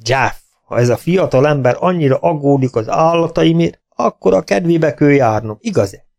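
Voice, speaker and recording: A man's voice: on the high side, animated, vocal fry, a little mellow, pitched above the performer's own voice. A man voicing a middle-aged male farmer who talks in a blunt, rustic, exclaiming way, raised above his own voice.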